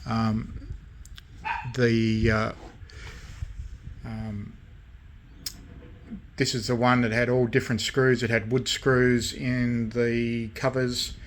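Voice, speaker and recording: A radio restoration hobbyist and vlogger casually shows off his restored radios in a middling-pitched, flat voice. He speaks slowly and haltingly, pausing often between short phrases. Faint noise sits in the recording.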